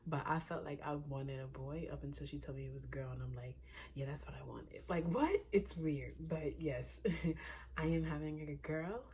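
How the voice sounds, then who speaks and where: A young woman with a low voice talks through a casual pregnancy vlog, rambling and a little breathless from the pregnancy. She sometimes sinks into a near whisper. A faint hiss sits under the recording. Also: fairly even intonation, moderate pace, a little mellow. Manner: chatty, rambling, laughs often, drops to a near whisper at times. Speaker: pregnancy vlogger.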